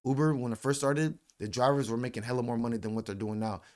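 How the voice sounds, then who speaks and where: Slangy, animated man telling a story. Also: mid-range voice, fast talker. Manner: loose, slangy and profane, lots of fillers; animated retelling with voiced quotes. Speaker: vlogger. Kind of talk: casual storytelling.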